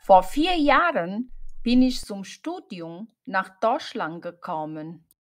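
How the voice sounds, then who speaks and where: A woman voicing a young woman student in a slow scripted learner dialogue, answering carefully. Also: medium pitch, sing-song. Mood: plain. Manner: plain, careful storytelling answers.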